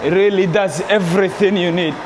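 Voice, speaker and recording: A man with a high voice talks in a casual, slangy vlog style, as if to his buddies. He is recorded outdoors, with clear car and street noise behind him. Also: steady tone, fairly quick. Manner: slangy, addresses viewers and customers as bro and man. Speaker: car wash worker and vlogger.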